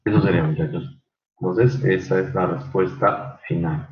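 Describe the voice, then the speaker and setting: A man teaching an online engineering class, halting with many fillers and quizzing students by name. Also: low voice, fairly even intonation, roomy sound, dull audio. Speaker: engineering lecturer.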